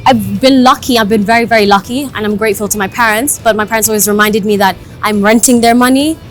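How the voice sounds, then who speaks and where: Young kenyan woman vlogging outside up on a building, chatty and candid, slightly high voice. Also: fairly even intonation, quick pace, faint music behind. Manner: chatty, candid, laughs easily. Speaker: vlogger and radio host. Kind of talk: casual vlog chat. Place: outdoors on a high floor of a building.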